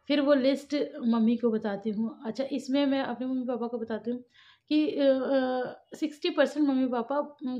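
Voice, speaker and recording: A woman's voice: fairly high pitch, mellow, dull audio. A young woman chatting casually in a home family vlog, talking about daily life and scolding her children firmly at times. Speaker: family vlogger.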